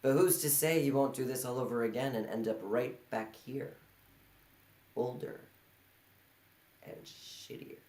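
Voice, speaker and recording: A man's voice: mid-range voice, a little fast, few pauses, darkish tone, natural voice. A man playing a bitter washed-up failure. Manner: sardonic, crude, brooding. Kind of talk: live theatre monologue. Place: indoor performance hall. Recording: echoey hall.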